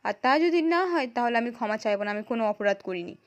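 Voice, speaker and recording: A defiant young wife with a West Bengal accent, proud and bitter, as a woman narrator reads her lines. She talks fast and high, accusing and indignant, like a storybook retelling. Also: animated, natural voice.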